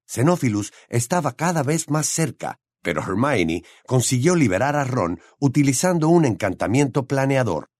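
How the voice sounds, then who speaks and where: A male narrator reads a fantasy audiobook with dramatic expression. His pitch moves freely through each sentence. The sound is dry and close. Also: very animated, normal speed, hardly any pauses, darkish tone, no echo.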